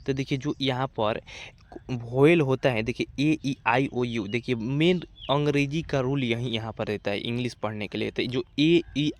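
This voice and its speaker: A man's voice: medium pitch, normal speed. A young man teaching an English reading lesson, repeating himself often and spelling words out letter by letter before reading them. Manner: repetitive, keeps saying "dekhiye", spells words out letter by letter. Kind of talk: spoken lesson.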